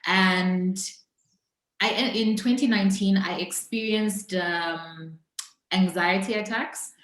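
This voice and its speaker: Speaking slowly with fairly even intonation, a Zambian entrepreneur tells personal stories as a guest in a conversational interview. Her medium-pitched voice is fairly bright, and the room around her echoes.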